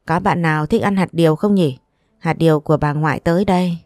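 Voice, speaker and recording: A sharp-tongued mother and grandmother, put on by a woman reading a family story. The voice sits low and warm, and it is recorded dry and close. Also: brisk, dry recording. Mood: doting. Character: scolding middle-aged mother and grandmother.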